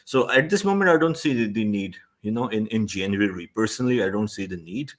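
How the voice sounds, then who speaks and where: A man speaking as a guest pundit in a casual football discussion, giving his opinions in a measured, hesitant way. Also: fairly low pitch, lively intonation.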